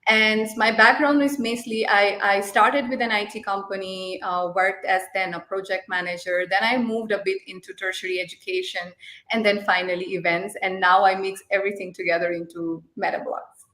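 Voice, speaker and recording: A woman's voice: mid-range voice, fairly even intonation, moderate pace, sharp tone, reverberant. A young woman from Nepal, a startup co-founder, answering interview questions at length on a video call, with many fillers as she explains.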